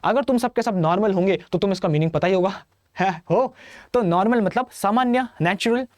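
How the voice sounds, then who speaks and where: A man's voice: high-pitched, fairly quick, darkish tone, dry recording. Indian guy teaching vocab, joking around, dry close mic. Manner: playful, chatty, addresses students directly. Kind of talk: energetic exam-prep lesson.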